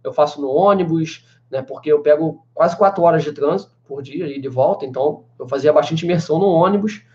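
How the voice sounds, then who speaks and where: Speaking fast in a slightly high, darkish voice, a man in his twenties from Brazil, a language teacher, chats casually through live-stream questions, sprinkling in "né" and "cara." Slightly dull lo-fi webcam audio records him in a small room with a banner at his back.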